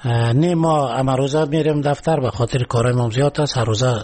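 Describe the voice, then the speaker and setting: Husky Afghan man in his forties. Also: medium pitch, a little mellow. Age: 40s. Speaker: interviewee, government employee. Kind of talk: spontaneous interview answers.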